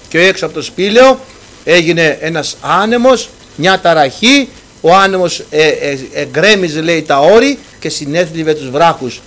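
Guy preaching a sermon, kinda high voice, keeps saying brothers, goes loud then real quiet. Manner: fervent, swings between loud proclamation and hushed speech; addresses listeners often as brothers, reads scripture aloud.

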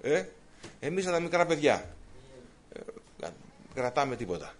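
A man's voice: fairly high pitch, sing-song, slight background noise. Impassioned Greek-speaking preacher man. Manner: impassioned, swings from loud exhortation to quiet asides; repetitive, rhetorical questions. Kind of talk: sermon.

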